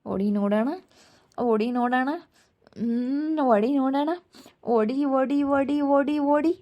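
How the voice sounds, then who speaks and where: A woman's voice: high-pitched, measured pace, dark tone. Woman playing Sundara, a whiny helpless man. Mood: teasing. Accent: Hiriyur Kannada. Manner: whiny, pleading, sly teasing.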